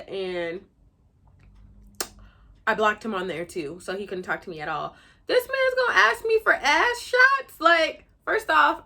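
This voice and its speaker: A young woman vlogger telling a story to camera in a casual, animated, frank and profane way. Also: mid-range voice.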